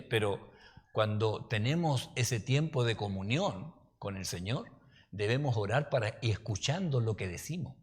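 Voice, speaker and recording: Un pastor con acento chileno que da un estudio bíblico en tono de charla, con anécdotas y preguntas como "¿ya?" a los oyentes. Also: male voice, mid-range voice. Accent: Chilean Spanish. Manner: folksy, anecdotal, asks listeners "¿ya?". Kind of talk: conversational Bible-study sermon. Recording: reverberant hall.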